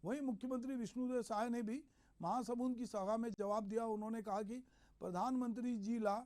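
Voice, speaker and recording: A man hosting a news show, giving measured, explanatory commentary on politics. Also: extremely high pitch, fairly even intonation, a little mellow. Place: regional news studio.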